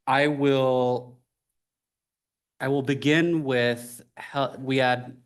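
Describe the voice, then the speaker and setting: A man chairing a city commission meeting, speaking haltingly with many fillers. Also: lowish voice.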